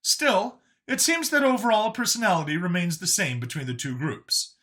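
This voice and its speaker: Playing an alien official delivering a briefing, this man reads a scripted sci-fi story in a bright, forward voice pitched a little high. The tone is wry and explanatory, the pace normal, and his pitch leaps around from one phrase to the next.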